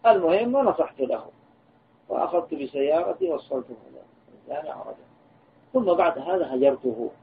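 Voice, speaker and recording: A man's voice: fairly high pitch, animated, moderate pace, creaky. A man, an Islamic scholar, giving an earnest religious lesson and telling a personal story of admonition. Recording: tinny lo-fi phone-like recording, faint hiss.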